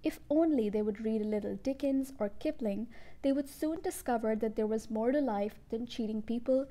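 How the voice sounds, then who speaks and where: A woman reading a children's book aloud in a steady, clear storytelling manner. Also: fairly high pitch, normal speed.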